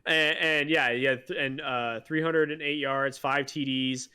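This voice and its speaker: A man's voice: on the high side, steady tone, measured pace, sharp tone, clean tone. Chatty man rambling about football. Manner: rambling, lots of fillers and restarts; enthusiastic fan talk. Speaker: podcast co-host. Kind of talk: casual sports chat.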